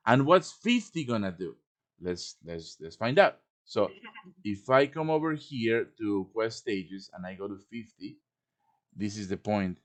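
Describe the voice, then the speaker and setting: In a lowish, animated voice and an unhurried pace, a chatty man runs a casual live-streamed tutorial over online voice chat. His topic is game quest design, and he often checks in with his listeners along the way.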